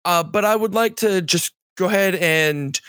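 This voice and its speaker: A man's voice: high-pitched, normal speed, a bit bright, smooth, dry recording, studio quality. A man playing in a tabletop role-playing session, thinking aloud about his moves with frequent fillers. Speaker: player.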